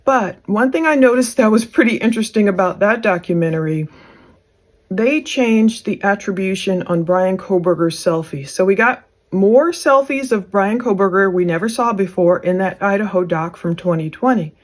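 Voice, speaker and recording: A woman's voice: mid-range voice, normal speed. A woman giving casual, conversational commentary on case documents, with speculative asides, as a true crime commentator.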